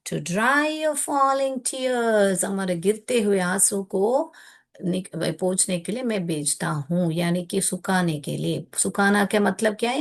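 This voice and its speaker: Woman teaching a poem online, slow and patient, keeps calling the kids beta. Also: mid-range voice. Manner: patient, coaxing, calls students "beta", slow recitation of poem lines. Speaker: school teacher. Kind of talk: online English poem lesson explained in Hindi.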